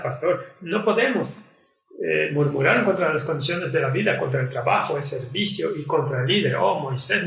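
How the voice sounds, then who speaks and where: A man delivers an earnest sermon in a somewhat high voice, acting out prayers and complaints as he goes. He is heard from some distance off the mic. The sound rings around an echoey church hall. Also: a bit bright. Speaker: preacher.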